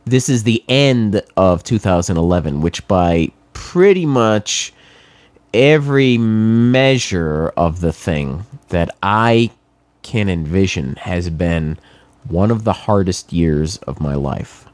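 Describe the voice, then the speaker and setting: A man's voice: low voice, slow pace, a little mellow, no room sound. A middle-aged man from New England with a cold, talking casually and wryly sarcastic in a rambling monologue with many fillers. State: has a cold, congested.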